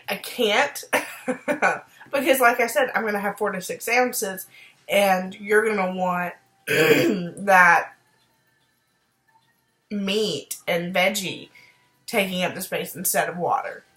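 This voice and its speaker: A woman chatting upbeat in a casual video diary, fighting off a cold and clearing her throat now and then, with frequent ums. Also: mid-range voice, unhurried, a bit bright. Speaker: video diarist. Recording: roomy echo.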